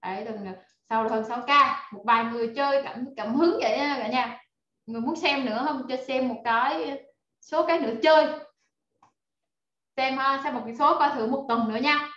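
A woman's voice: sits high, fairly quick, fairly bright tone. A woman teaching a live online class over a video call, rallying her students with lots of fillers. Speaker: online course instructor. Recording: echoey, dull video-call audio.

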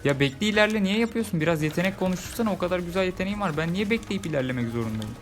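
A man's voice: high voice, lively intonation, racing, faint music behind. Frustrated man narrating his gameplay. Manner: frustrated, repeats himself, jokey complaints. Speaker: gaming YouTuber. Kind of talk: casual let's-play commentary.

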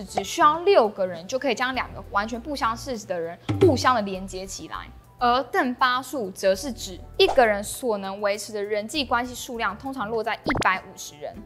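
A young woman with a Taiwanese accent hosts an explainer in a fairly high voice. She speaks to camera through a clip-on mic, with music playing behind her. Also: bright, forceful tone. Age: young adult. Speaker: host of an explainer channel. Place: small indoor room with bookshelves. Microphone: clip-on lapel mic. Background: background music.

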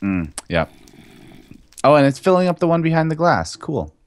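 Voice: medium pitch, sing-song, normal speed, dry recording. A player chatting casually during a co-op video game, giggling and teasing a friend. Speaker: let's play gamer. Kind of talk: casual co-op gameplay chat.

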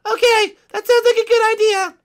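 A man voicing a laid-back female dinosaur friend in a game, in an airy falsetto with a casual manner. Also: flat delivery, moderate pace. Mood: soothing.

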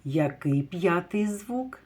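Woman, kindergarten teacher; lively pitch, very slow, deliberate sounding-out. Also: slightly rough. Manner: slow, drawn-out word sounding with praise and questions. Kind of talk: phonics lesson for young children.

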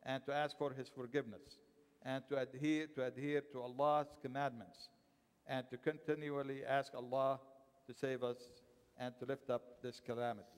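A man's voice: medium pitch, clear, resonant tone. A middle-aged man reading a translated Friday sermon aloud from paper in a large mosque prayer hall, stumbling and correcting himself as he goes. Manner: reads aloud from paper, with restarts and self-corrections. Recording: long hall reverb in a mosque.

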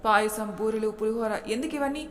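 A woman's voice: mid-range voice, fairly even intonation, fairly quick, close to an everyday voice. A woman voicing an angry, scolding older mother-in-law in a storybook reading, with a long hall reverb. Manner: shouting, scolding.

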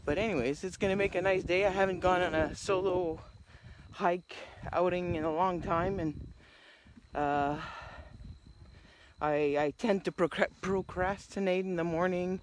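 A woman's voice: lowish voice, steady tone, unhurried, noisy background. A middle-aged woman chatting casually on a nature trail, rambling with lots of fillers, recorded on a phone held at arm's length outdoors. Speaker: hiking vlogger. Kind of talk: casual chat.

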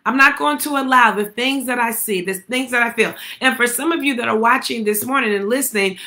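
Bright-voiced woman preaching a sermon. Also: fairly high pitch, a little fast. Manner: call-and-response preaching, repeats phrases for emphasis. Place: livestream to online viewers.

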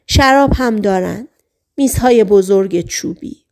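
A woman reading the part of a hypnotized patient who relives a past life as a male sailor, speaking in short, halting sentences as if in a trance. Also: mid-range voice, darkish tone, close to an everyday voice. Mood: dreamy. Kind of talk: audiobook reading.

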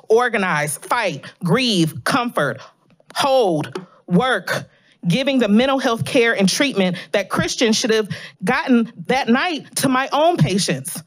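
A woman in her thirties reading a prepared statement at a city council meeting, speaking earnestly and emotionally, at a podium microphone in a large chamber. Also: medium pitch. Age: 30s. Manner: earnest, pleading, emotionally charged. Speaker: public commenter at city council. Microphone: podium gooseneck microphone.

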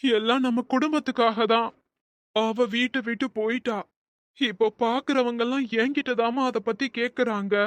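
A woman's voice: on the high side, no room sound, natural voice. Woman voicing a plaintive jilted young man. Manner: plaintive, sulking. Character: hurt, resentful young married man. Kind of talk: storybook voice drama.

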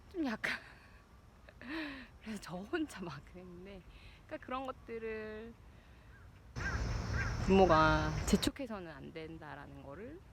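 A woman in her thirties chats casually to listeners while out running, like a personal vlog. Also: lowish voice. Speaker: vlogger, a parent. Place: outdoors, out exercising. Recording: noisy outdoor recording, uneven level.

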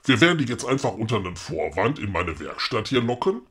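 A grumpy yet helpful middle-aged woodcarver talks in a matter-of-fact, chummy way with a Ruhr German accent, played by a man. His voice is low and husky, with a bright, forward edge, in a comedic audio play. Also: big pitch swings, brisk, full character voice. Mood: scheming.

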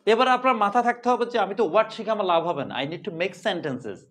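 A man's voice: sits high, lively intonation, a little fast, a bit bright. A man teaching an English pronunciation class, teasing his students and repeating sounds as drills.

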